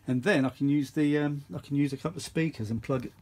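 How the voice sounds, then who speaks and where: A middle-aged man with a slightly high, darkish voice talks fast but keeps a steady tone. As host of a vintage audio video, he chats casually and unscripted while working hands-on. He rambles, thinks out loud, and frequently repeats points.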